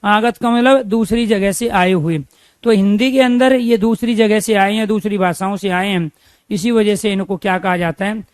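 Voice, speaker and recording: High-voiced man teaching a grammar lesson. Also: fairly even intonation, normal speed, no echo. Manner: repeats key phrases, asks and answers own questions.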